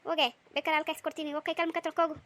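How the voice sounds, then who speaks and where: A woman's voice: high-pitched, little pitch movement, racing, fairly bright tone, no room sound. A woman voicing a strict young village mother in a cartoon, scolding in a snappy way.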